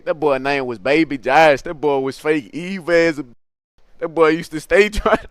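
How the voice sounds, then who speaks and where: A young man telling a funny story in a casual, animated, slangy way, acting out other people's lines in a high voice. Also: smooth, no room sound, studio quality. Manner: animated slangy street storytelling, laughing, acts out quotes in a high voice.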